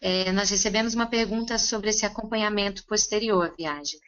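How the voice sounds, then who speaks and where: A woman interpreting a seminar consecutively, relaying each line in a steady, conversational way. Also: mid-range voice, a little fast, muffled recording.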